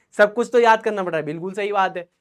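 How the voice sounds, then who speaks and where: Young male online tutor, high voice, chatty and joking with his class. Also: a little fast, smooth. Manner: playful, chatty, jokes with students between quiz polls. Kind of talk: live online chemistry class.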